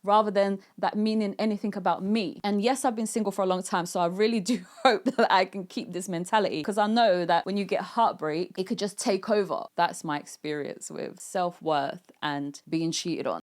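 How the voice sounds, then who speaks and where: A woman's voice: medium pitch, moderate pace, few pauses. Chatty woman in her thirties. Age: 30s. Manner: chatty, reflective, often acting out quoted lines in a raised voice. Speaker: singer-songwriter. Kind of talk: casual talk about writing a song.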